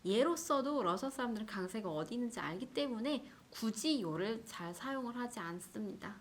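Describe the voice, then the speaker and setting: A woman with a Russian accent teaching a language lesson, explaining patiently and slowing down to sound out example words. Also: fairly high pitch, lively intonation, a little hiss or hum. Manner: clear, patient explaining with slow drawn-out examples. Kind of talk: scripted lesson.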